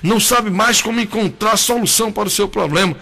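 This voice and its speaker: High-pitched gravelly pleading preacher man. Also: a little fast, sharp tone. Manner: emotional, pleading preaching with tender address. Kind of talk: sermon.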